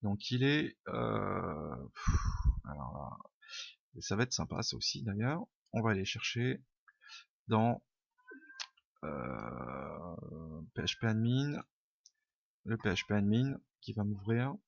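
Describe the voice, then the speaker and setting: Low-ish and very animated, with vocal fry, this man takes his time and pauses often as he gives an unscripted coding tutorial over a screen recording. A programming tutor at home, he thinks aloud with many fillers and pokes fun at himself informally. The dull lo-fi mic yields dry audio with no echo.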